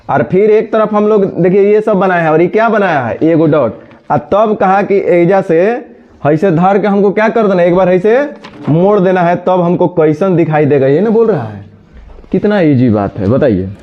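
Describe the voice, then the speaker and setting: Scolding teacher. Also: male voice, high-pitched. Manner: scolding, brisk, addresses students directly. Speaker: reasoning teacher. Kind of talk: classroom lecture. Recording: dull lo-fi sound.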